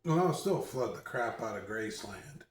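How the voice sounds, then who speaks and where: A man hosting a casual chat, talking softly and teasing his friend, recorded on a phone across an echoey room. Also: on the low side, sing-song, normal speed, recorded from a distance. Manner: soft-spoken, teasing. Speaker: host. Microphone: phone across the room, no mic.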